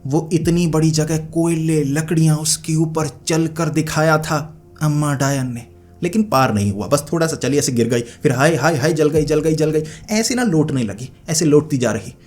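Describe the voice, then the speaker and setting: A man's voice: a little high, normal speed, darkish tone, faint music behind. A man narrating a horror story in a chatty, conversational way.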